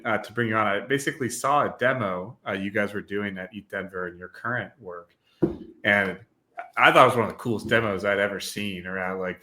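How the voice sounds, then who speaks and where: A young man hosts a technical podcast with an upbeat, loose delivery full of fillers. His voice sits low but has a bright, forward edge. The room gives it an echoey ring. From Wisconsin, US. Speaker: podcast host. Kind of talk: casual technical podcast hosting.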